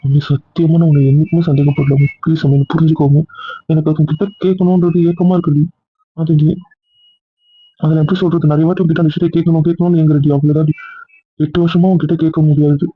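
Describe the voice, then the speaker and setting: A man's voice: on the high side, flat delivery, fast, slightly rough. A man playing a pleading, insecure young boyfriend. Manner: coaxing, pleading. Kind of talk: web drama acting. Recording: dry, phone-like thin recording.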